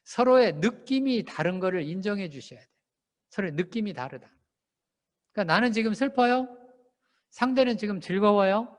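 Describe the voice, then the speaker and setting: A man preaching a sermon to a congregation, animated, asking them questions and acting out shouted lines. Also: sits high, normal speed, long pauses. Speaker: pastor. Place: church sanctuary. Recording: long hall reverb.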